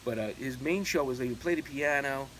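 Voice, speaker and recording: Man in his forties, medium pitch, casual vlog chat, halting and repetitive, clear background noise. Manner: halting, loosely anecdotal, repeats himself. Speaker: YouTube channel host. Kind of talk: casual rambling chat to viewers. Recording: clearly noisy, steady background ambience.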